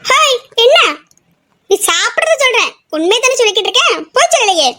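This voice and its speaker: A woman's voice: extremely high pitch, sing-song, a little fast, sharp tone, exaggerated voice. A woman voicing a cheeky, playful teenage girl who teases and chatters in an audio drama. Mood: teasing. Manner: teasing, chatty.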